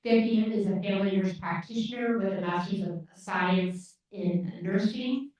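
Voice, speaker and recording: At a live event in a big, echoing lecture hall, a woman moderator raised on a dairy farm stumbles through panelist introductions, full of fillers and restarts. She speaks at a moderate pace in a mid-range, darkish voice, captured in dull, distant audio.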